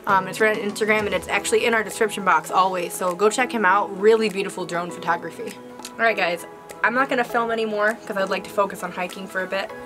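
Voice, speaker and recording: A woman's voice: mid-range voice, fairly even intonation, quick pace, music in the background. A young woman vlogging on a winter hike in the woods, talking chattily to a handheld camera with lots of fillers. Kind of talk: casual vlog talk to camera.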